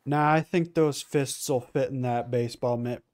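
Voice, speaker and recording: A man's voice: medium pitch, steady tone, moderate pace, a little mellow. A man giving casual, rambling commentary on his gameplay, full of fillers and restarts. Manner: rambling, filler-heavy, self-correcting. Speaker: let's play gamer.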